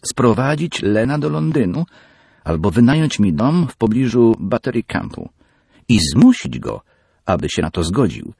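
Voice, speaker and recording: A whiny, demanding young heiress from an audiobook, voiced by a male narrator. Her voice climbs shrill when she is upset, with a husky grain and a dry, close sound. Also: sing-song, moderate pace, a little mellow, dry recording, full character voice. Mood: insistent. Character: young woman, spoiled wealthy daughter, tearful and demanding.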